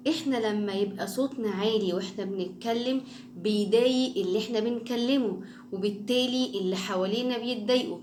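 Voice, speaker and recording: Fast-talking Egyptian woman hosting for kids. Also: fairly high pitch, a little hiss or hum. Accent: Egyptian Arabic. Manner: lively, coaxing, talks to kids. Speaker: children's show host. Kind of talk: children's educational show. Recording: echoey room.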